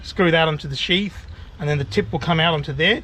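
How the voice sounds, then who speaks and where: An Australian DIY video host presents a how-to vlog outdoors beside a vehicle, chatting informally in a mate-to-mate way. His fairly high voice is brisk, pushed and bright. Recorded on an action camera, the outdoor audio has clear background noise.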